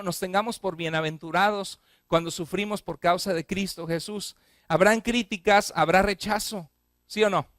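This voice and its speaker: Man, pastor, high voice, sermon, questions to the congregation, dry recording. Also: fairly bright tone, no room sound. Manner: asks the congregation frequent questions; speeds up on repeated lists, slows for emphasis. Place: church.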